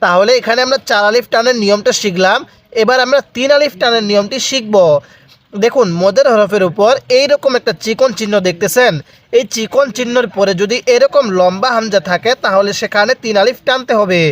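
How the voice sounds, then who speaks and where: A man teaching Quran reading step by step. He spells out letters, draws out the long vowels slowly and has listeners repeat after him. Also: high voice, a bit bright. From Bangladesh. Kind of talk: step-by-step recitation lesson.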